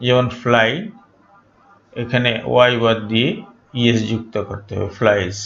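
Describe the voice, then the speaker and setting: A man teaching an English grammar lesson, drilling word forms slowly and deliberately. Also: medium pitch, fairly even intonation, creaky, fairly bright tone. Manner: slow, deliberate dictation-like drilling. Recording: echoey room, dull lo-fi sound.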